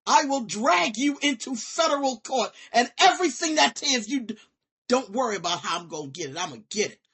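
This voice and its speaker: Defiant woman, shouting then hushed. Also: animated, fairly quick, breathy edge. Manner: defiant, combative, swings between shouting and low menacing tones; informal, nonstandard grammar. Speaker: student at a disciplinary meeting. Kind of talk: heated confrontation in a meeting.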